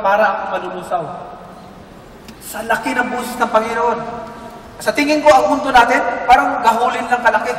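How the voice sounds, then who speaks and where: Guy sharing his faith story, earnest and halting, lots of restarts, high voice. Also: fairly bright tone, a little hiss or hum. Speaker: testimony speaker. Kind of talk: personal testimony to a group. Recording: echoey room, mic far off.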